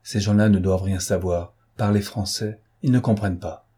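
A man voicing a stern adult German count, speaking in a rough, curt and commanding way. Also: lowish voice, steady tone, moderate pace, warm tone.

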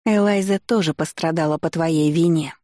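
A woman's voice: deep voice, moderate pace, dark tone, dry recording, studio quality, natural voice. A woman reading an audiobook, voicing a furious, jealous young aristocratic witch who sneers and accuses. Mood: accusing. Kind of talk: audiobook character voice.

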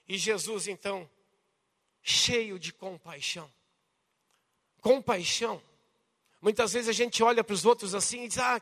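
A Brazilian Portuguese preacher with a strikingly high, bright voice delivers a dramatic sermon. He swings between forceful outbursts and hushed, intimate passages. His voice rings through a church hall with long reverb. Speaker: pastor.

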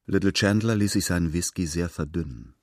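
A man reading literary narration in a calm, measured way. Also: low voice, no echo, clean studio sound.

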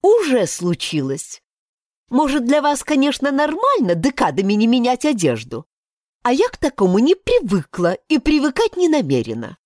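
A woman voicing a proud, sharp-tongued young woman judge who speaks haughtily and indignantly. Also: high-pitched, wildly swooping pitch, normal speed, no echo, clean studio sound, voice pushed up, exaggerated voice.

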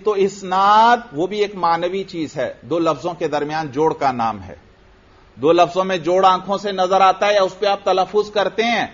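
A man teaching Arabic grammar in a classroom lecture, asking his students questions and answering them himself, reading Arabic text aloud and then explaining it. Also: sits high. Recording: dull lo-fi lecture recording.

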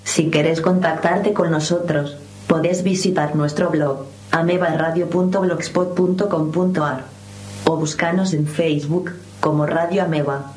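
Low-voiced Argentine woman, echoing station promo. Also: steady tone, unhurried. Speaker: station announcer. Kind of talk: scripted radio station promo. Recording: echoey long reverb over music.

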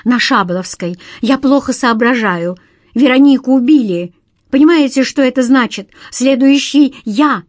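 A woman reads out a hysterical young man in raised, shrill bursts, breathless and begging. The audiobook voice sits high and loud against a dry, close recording with no room around it. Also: a little slow, no room sound. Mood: panicked. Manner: shrieking, breathless, pleading. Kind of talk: audiobook character voice.

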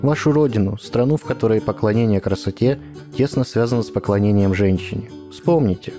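A man's voice: fairly low pitch, a little fast, mellow, faint music behind, close to an everyday voice. A man voicing a courteous, evasive male novelist who talks around things. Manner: smooth, courteous, rambling.

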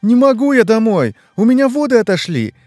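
A man voicing a huge, bloated female monster who calls out and pleads in a shrill voice. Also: very animated, brisk, darkish tone, dry recording, faint music behind. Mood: pleading. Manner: calling out, pleading.

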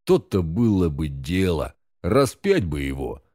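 A man voicing a drunk, coarse thug in a gang, yelling and swearing. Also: sits low, very animated, a little slow, dry recording, clean studio sound. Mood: excited. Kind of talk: audiobook character voice.

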